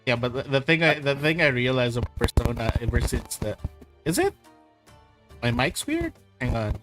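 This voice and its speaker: A man's voice: mid-range voice, sing-song, normal speed, music in the background. Male stream host, chatty, heard through a crackling distorted mic. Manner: easygoing, chatty. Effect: crackling, distorted microphone. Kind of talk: casual chat on a game stream.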